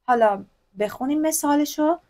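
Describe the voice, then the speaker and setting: A woman with a Persian accent teaches from a textbook, reading English examples slowly and explaining them chattily. Her high-pitched voice is mellow, and she openly corrects herself as she goes.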